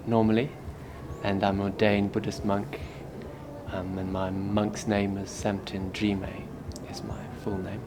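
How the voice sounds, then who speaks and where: A man in his thirties from Zimbabwe, a Buddhist monk answering interview questions in a soft, hesitant way that often trails off quietly. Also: on the low side, little pitch movement, a little slow, background noise. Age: 30s.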